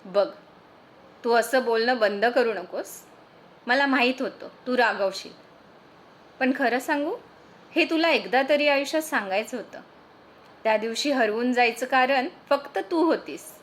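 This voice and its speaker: Woman voicing a shy middle-aged man, soft, hesitant, tender, slightly high voice. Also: measured pace, pauses often. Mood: tender, confessing. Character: grown man confessing an old college love. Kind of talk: storytelling reading.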